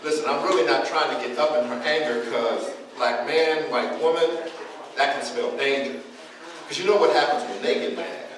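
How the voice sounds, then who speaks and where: A man's voice: medium pitch, normal speed, crowd noise. A man performing a live spoken-word poem with a rhythmic, rhyming delivery and wry asides. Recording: echoey room, mic far off, faint noise.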